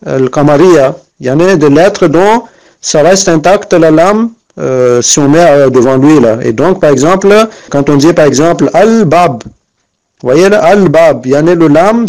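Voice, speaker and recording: A man's voice: on the high side, darkish tone, low-quality recording. A man giving a spoken lesson, explaining patiently with frequent fillers and restarts, and repeating examples several times. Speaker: Arabic reading teacher.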